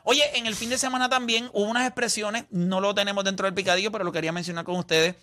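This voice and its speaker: High bright-voiced man. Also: steady tone, quick pace. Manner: blunt, argumentative, emphatic. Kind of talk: casual sports debate.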